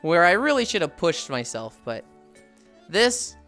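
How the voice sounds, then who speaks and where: A woman in her thirties chats casually on a livestream, sounding tired and sardonic, sighing often and swearing freely. Her lowish voice is very animated yet unhurried and a bit bright, with faint music in the background.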